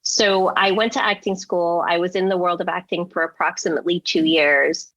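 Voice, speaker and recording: A woman's voice: on the low side, steady tone, moderate pace, a bit bright, no room sound, muffled recording. A woman in her forties from England, a marketing executive who talks through her past candidly and reflectively as an interview guest.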